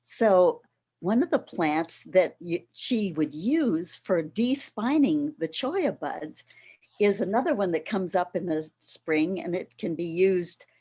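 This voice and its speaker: Middle-aged woman, workshop presenter, lowish voice, very slow and deliberate delivery. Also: expressive, slightly rough. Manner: slow, explanatory, with soft laughs. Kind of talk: educational talk on plant foods.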